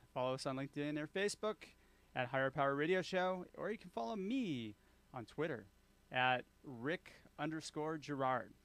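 A man hosting a talk radio interview, chatty and upbeat. His voice sits a bit higher than most men's, and he keeps chiming in with quick words of agreement. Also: a bit bright. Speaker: radio show host.

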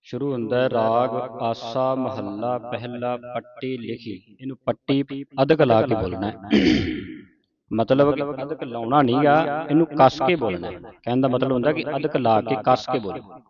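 A man with a Punjabi accent teaching scripture pronunciation, reciting verses slowly and deliberately, then correcting each word. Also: mid-range voice, highs cut off, crowd noise.

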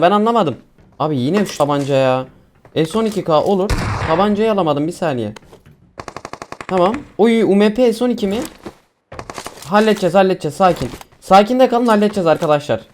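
A young man casually commentating his own mobile shooter gameplay, chatty and excitable, talking to viewers and teammates. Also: sits high, slight background noise. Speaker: gaming streamer.

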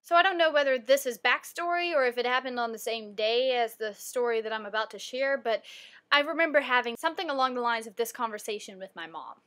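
A young woman with a high, bright-sounding voice tells a childhood story for her vlog. Her delivery is bubbly and animated. She speaks from a home office. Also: fairly quick. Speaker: vlogger.

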